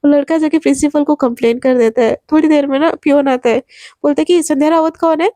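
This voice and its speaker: Brief: animated female storyteller, high and mellow, dry close sound. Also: quick pace, dry recording. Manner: animated, dramatic, mixes in english words. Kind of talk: casual spoken storytelling.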